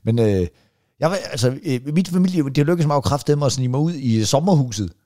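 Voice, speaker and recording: A man's voice: mid-range voice, lively intonation, dark tone. Laid-back middle-aged man bantering. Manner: laid-back banter, swears and hesitates often. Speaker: comedian podcast co-host. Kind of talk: casual chat.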